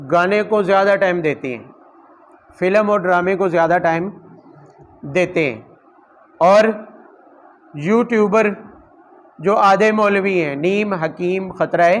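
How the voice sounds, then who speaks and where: A man's voice: high-pitched, a bit bright, a little hiss or hum, low-quality recording. A man, a Quran teacher and imam, giving a conversational sermon full of rhetorical questions and personal anecdotes. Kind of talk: Urdu Quran commentary sermon.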